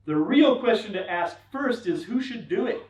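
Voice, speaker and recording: Middle-aged male speaker, a bit high-pitched, wry and joking, recorded from a distance in an echoey room. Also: expressive, normal speed. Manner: wry, acts out mock dialogues. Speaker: conference speaker. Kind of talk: humorous technical talk. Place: event room with an audience.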